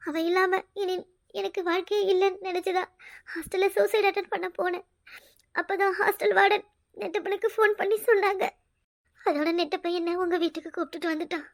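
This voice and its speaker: A woman voicing a cartoon role in a high, childlike voice, pleading and tearful. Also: fairly even intonation, a little fast. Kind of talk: cartoon voice acting, several roles.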